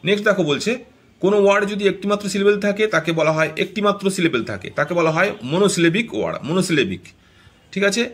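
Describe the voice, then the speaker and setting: A man's voice: high-pitched, animated, rapid-fire, fairly bright tone. A man teaching English grammar to learners in Bengali, explaining step by step and checking often that they follow. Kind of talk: classroom grammar lesson.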